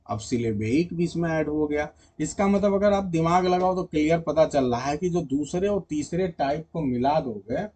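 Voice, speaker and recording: A male teacher delivers an exam-prep lecture in Hindi, mixing in English terms and read-out definitions. His voice is fairly high, darkish in tone and slightly rough. He explains step by step and keeps checking that students are following.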